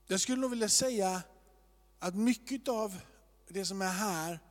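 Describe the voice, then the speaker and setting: A man pastor, preaching a sermon in a loose, searching way, moving between quiet asides and emphatic repetition. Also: high-pitched, long reverb tail.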